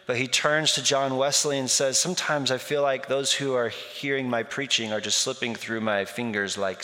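A man's voice: mid-range voice, pushed and bright, big-room sound. A man preaching a sermon as pastor, in a conversational storytelling way, recorded in a church sanctuary.

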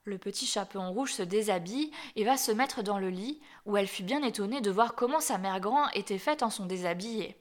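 A woman reading a classic fairy tale aloud in an expressive, measured storytelling manner. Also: mid-range voice.

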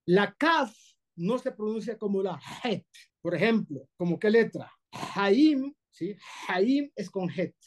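A man with a Colombian Spanish accent teaches a spoken class as a rabbi, explaining pronunciation in a high-sitting, expressive, unhurried voice. He is emphatic, repeating and exaggerating sounds to demonstrate them and checking that his students follow.

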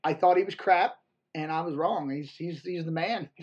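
A man's voice: on the high side, normal speed, breathy edge. A man co-hosting a podcast in casual chat, opinionated and joking in his commentary. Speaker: wrestling podcast co-host. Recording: dull, lo-fi audio.

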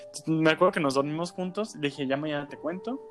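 A man's voice: a little high, fast talker, soft background music. A man with a Mexican accent tells a personal story in casual speech, packed with slang and fillers like "este" and "¿no?". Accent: Mexican Spanish. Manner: animated, colloquial, filler-heavy with frequent "este" and "¿no?". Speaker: storyteller guest.

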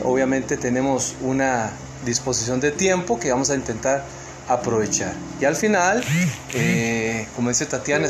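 A Costa Rican man giving an online seminar talk, earnest and emphatic, with many fillers and restarts. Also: mid-range voice. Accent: Costa Rican Spanish. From Costa Rica. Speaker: seminar speaker.

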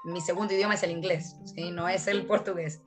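The interview guest, a woman from Chile, tells her story conversationally, laughing and using plenty of fillers in her Chilean Spanish accent. Her lowish voice is steady and a little fast, over background music.

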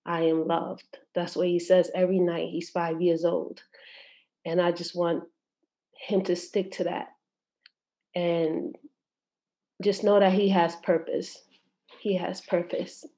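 A mother speaking as a podcast guest, giving soft-spoken, faith-filled encouragement. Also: lowish voice, level tone, takes it slowly, pauses often. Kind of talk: heartfelt podcast message.

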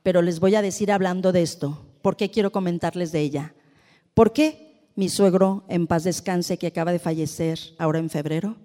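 A middle-aged woman with a Mexican accent gives an expressive motivational talk to a live audience, acting out the people in her stories. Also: lowish voice, moderate pace. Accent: Mexican Spanish. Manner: expressive storyteller who acts out dialogue. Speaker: presenter and speaker. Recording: long hall reverb.

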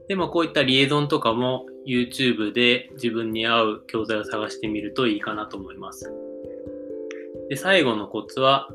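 Bright-voiced man explaining English pronunciation tips. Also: mid-range voice. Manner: relaxed, thinking aloud with fillers. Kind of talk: casual solo explainer talk.

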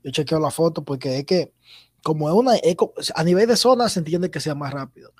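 A man's voice: fairly high pitch, expressive, brisk, a little mellow, no echo, studio quality. A man who takes church photos, chatting casually on a podcast and laughing often.

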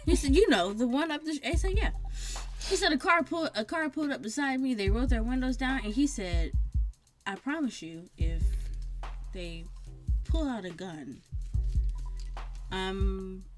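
Lively, animated young-sounding woman chatting. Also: on the high side, normal speed, long pauses, soft background music. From United States. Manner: animated, laughing, repeats words when excited. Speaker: podcast co-host. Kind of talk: casual chat between friends.

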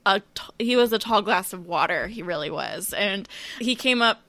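A woman's voice: mid-range voice, expressive, moderate pace, sharp tone, no room sound. A young woman hosting a podcast, chatting playfully and laughing often. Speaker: podcast host. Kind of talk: casual chat.

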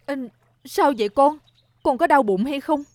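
A woman voicing a kind, wealthy lady who speaks gently and like a mother. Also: sits high, moderate pace, no room sound, lightly acted. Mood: soothing.

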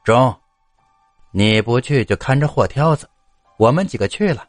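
A man voicing a generous male cousin who works as a peddler, brisk and friendly. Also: mid-range voice, expressive, no room sound, clean studio sound, faint music behind, lightly acted.

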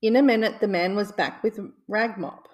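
A woman reading a children's bedtime story aloud. Her delivery is gentle and soothing, the calm pace of a storyteller settling listeners for sleep. Her pitch sits in an ordinary middle range. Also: normal speed.

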